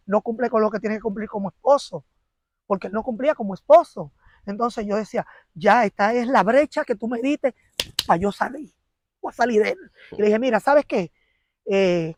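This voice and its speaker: Woman telling her church testimony, animated, acts out the arguments, dry close sound. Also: a little high, dry recording. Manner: animated storytelling, acting out quarrels and prayers. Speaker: interview guest giving a testimony.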